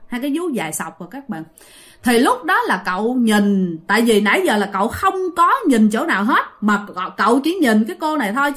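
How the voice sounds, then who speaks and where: A woman with a Southern Vietnamese accent tells a ghost story in a loose, chatty way, turning to her listeners again and again. Her voice sits a little high and moves around a lot as she builds the scares. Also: fairly bright tone. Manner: conversational, addresses listeners directly.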